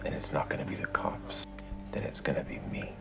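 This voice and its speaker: An actor playing a grave, determined young rich vigilante in a TV drama, speaking in an earnest, measured way. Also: male voice, whispered, lightly acted. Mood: intense, resolute. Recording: dramatic music behind the voice.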